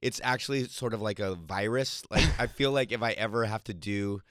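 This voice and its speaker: In studio-quality audio with no room sound, a man speaks on the low side and a little fast. He's an actor and director, casually telling rambling, animated stories about making a film during an interview, with plenty of laughs.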